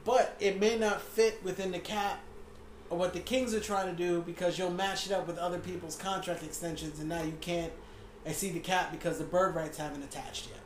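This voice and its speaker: A man co-hosting a podcast, breaking down sports in a blunt, opinionated way and swearing freely. His voice sits high for a man. The recording sounds echoey, with a faint hiss underneath. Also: fairly even intonation, fairly quick. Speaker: podcast co-host. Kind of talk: casual sports chat.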